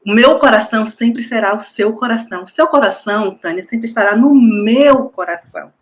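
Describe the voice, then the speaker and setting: A woman's voice: a little high, moderate pace. Effusive woman giving tribute. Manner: effusive, emotional, repeats the listener's name. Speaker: master's student and school coordinator. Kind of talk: heartfelt tribute speech.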